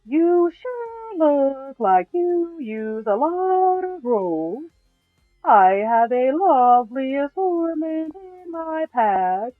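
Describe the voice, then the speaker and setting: Guy putting on a high spacey drawl, slow salesy adventurer, tinny dry audio. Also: sing-song, no room sound, soft background music, heavily acted. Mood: dreamy. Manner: drawn-out, far-off delivery. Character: slow dreamy male adventurer, friendly salesman.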